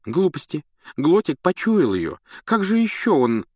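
A man voicing an earnest, clever teenage schoolgirl in an audiobook, pitched high and insistent. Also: wildly swooping pitch, a little fast, a little mellow, no room sound, studio quality, heavily acted. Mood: defensive.

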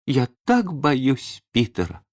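A man voicing a timid, guilt-ridden lost boy in a storybook, with a soft, earnest boyish voice. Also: medium pitch, expressive, normal speed, voice pushed up, close to an everyday voice. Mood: fearful, quiet.

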